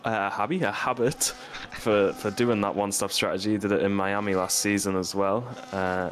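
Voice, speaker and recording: A low-voiced man calls an online racing league event, talking through strategy with frequent pauses and restarts. When the action starts he picks up and calls the cars more keenly. A faint hiss sits behind his voice. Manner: hesitant, many ums and restarts, gets animated during race action. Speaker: race co-commentator. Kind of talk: sim racing commentary.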